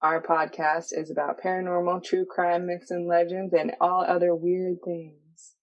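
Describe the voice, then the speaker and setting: A woman's voice: lowish voice, flat delivery, measured pace, highs cut off. A woman guest on a podcast, chatting casually and a bit shyly. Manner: soft-spoken, shy. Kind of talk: casual chat.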